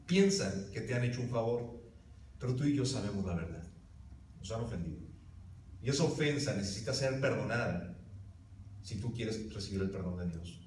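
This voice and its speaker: A man's voice: lowish voice, expressive, normal speed, pauses often, a little mellow, slight background noise. Man, preacher, emphatic sermon, distant mic, echoey church hall. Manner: emphatic, addresses the congregation directly with questions.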